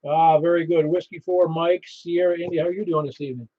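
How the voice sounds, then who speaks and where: A man with a slightly high voice hosts a casual ham radio net. He rambles in a chatty way, and the sound is a little dull. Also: fairly even intonation, quick pace, very noisy. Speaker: amateur radio net host. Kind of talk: casual net hosting with call signs.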